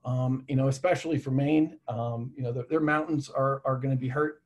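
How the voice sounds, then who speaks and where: A man's voice: mid-range voice, steady tone, a little fast, slight background noise. A man in his thirties presenting travel data on a webinar video call from a home office, casual and full of fillers and restarts.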